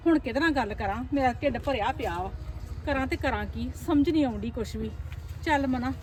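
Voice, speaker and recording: A woman playing a scheming, complaining mother-in-law in a family drama, sharp-tongued and muttering plans to herself. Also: sits high, fairly quick, natural voice. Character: scheming, nagging middle-aged mother-in-law.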